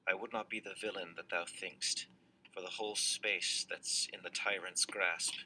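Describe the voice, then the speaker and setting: An actor playing a grieving, loyal nobleman, delivering classical verse with intense, drawn-out phrasing. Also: sits low, fairly even intonation, noisy background, lightly acted. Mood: anguished. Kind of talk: classical stage verse reading.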